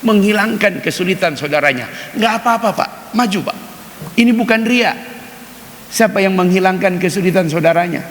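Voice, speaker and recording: A man's voice: high voice, brisk, a bit bright. A man preaching a sermon in a mosque, chatty and direct, often turning to speak to the men listening. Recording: reverberant mosque hall, faint hiss.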